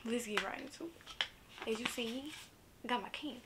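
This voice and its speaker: Twenties woman, Southern Memphis accent, casual vlogger, easygoing and chatty, slightly raised pitch. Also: moderate pace, heavy background noise. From Memphis, Tennessee, USA. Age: 20s. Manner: chatty, laid-back, laughs often, drops into asides. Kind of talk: casual get-to-know-me vlog.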